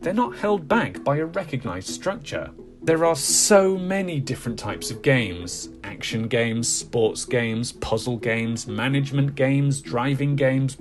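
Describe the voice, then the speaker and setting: A man narrating a scripted video essay in a conversational, emphatic way, posing rhetorical questions. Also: mid-range voice. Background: background music.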